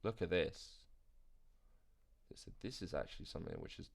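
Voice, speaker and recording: This low-voiced man with vocal fry runs a crypto trading livestream, giving casual chart commentary while responding to chat. Though animated at a normal speed, he's tired and yawns as he rambles and thinks out loud.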